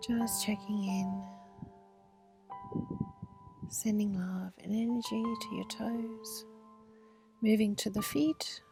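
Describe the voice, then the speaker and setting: A woman guiding a meditation outdoors at a retreat, speaking slowly and soothingly and often sinking into soft whispers. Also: mid-range voice, fairly even intonation, creaky. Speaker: meditation guide. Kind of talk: guided meditation. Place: outdoor retreat under a pyramid structure. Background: instrumental music.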